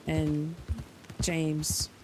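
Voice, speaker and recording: A speaker in a roleplay game stream, talking calmly and reflectively in character, with some hesitations. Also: medium pitch, very slow, background noise.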